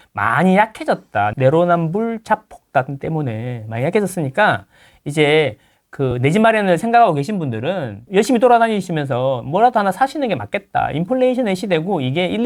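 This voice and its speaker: A man who is a real estate lecturer, talking as a guest in a casual interview, lecturing with playful impressions of others and quick tag questions. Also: on the high side, very animated. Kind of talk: casual talk-show interview.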